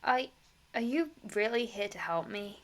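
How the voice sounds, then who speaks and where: A woman's voice: mid-range voice, lively intonation, measured pace, noisy background, natural voice. A woman voicing an anxious young traveler while reading game dialogue aloud, earnest and nervously reassuring herself.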